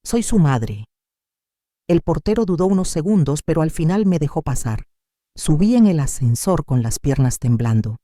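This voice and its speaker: Dark-voiced older woman narrating a drama. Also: deep voice, animated, moderate pace, no echo, clean studio sound. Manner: dramatic, sorrowful storytelling. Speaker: storyteller. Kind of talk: scripted first-person narration.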